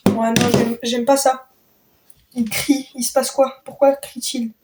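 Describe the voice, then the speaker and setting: A woman talks through a video game with a fairly high voice, full of exclamations and stumbling repeats. Her let's play commentary jumps from gasps to quick remarks. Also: flat delivery, a little mellow, a little hiss or hum, poor audio. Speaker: gamer.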